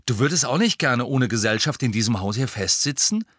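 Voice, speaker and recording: A man's voice: mid-range voice, lively intonation, brisk, fairly bright tone, breathy edge, no room sound, studio quality. A man reading an audiobook, voicing a cheerful teenage boy who talks eagerly. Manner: eager, chatty.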